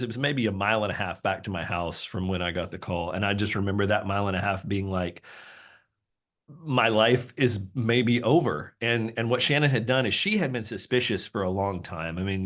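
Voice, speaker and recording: Brief: middle-aged male pastor, low-pitched, earnest testimony with frequent restarts. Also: brisk, fairly bright tone. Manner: earnest and confessional, many restarts. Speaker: pastor, interview guest. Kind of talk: candid personal testimony.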